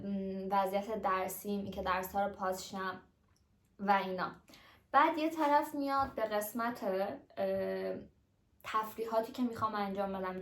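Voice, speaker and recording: A young adult woman talking casually and directly to her viewers in a chatty explainer vlog. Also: mid-range voice. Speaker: vlogger. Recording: echoey room.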